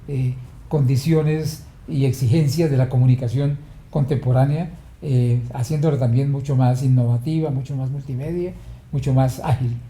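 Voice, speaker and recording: A man interviewing a guest formally, speaking slowly and often pausing to search for words. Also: mid-range voice, fairly even intonation, warm tone, reverberant. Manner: slow, measured, searching for words.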